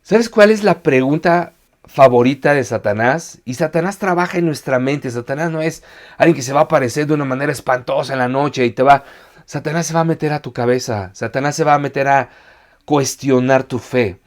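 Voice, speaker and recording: A man's voice: medium pitch, brisk. A man giving an earnest sermon as a pastor, asking his listeners rhetorical questions. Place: church online meeting.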